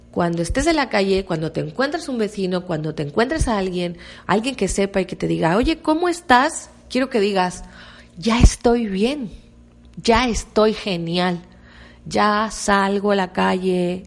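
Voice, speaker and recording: A woman's voice: mid-range voice, vocal fry. A woman from hosting a self-help podcast, encouraging and repetitive as she speaks straight to the listener. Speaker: podcast host.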